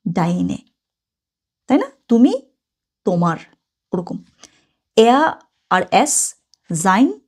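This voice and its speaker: A woman talks through a German textbook in a relaxed, mellow voice. Her pitch sits mid-range for a woman, and her tone is soft and rounded, not sharp. She keeps checking in with her listeners and stretches out each example phrase slowly. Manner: mixes languages freely, checks in with "ঠিক আছে?" and "হ্যাঁ?"; spells out example words slowly and deliberately. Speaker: German language teacher. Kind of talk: casual textbook walkthrough lesson.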